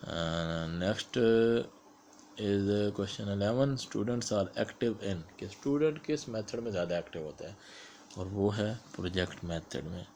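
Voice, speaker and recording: A man with a Pakistani accent explaining exam questions step by step, like a teacher, and reading the questions out slowly. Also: fairly low pitch, mellow, a little hiss or hum. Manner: explains step by step, mixing English terms into Urdu, reads questions aloud slowly. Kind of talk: explanatory exam-prep lecture.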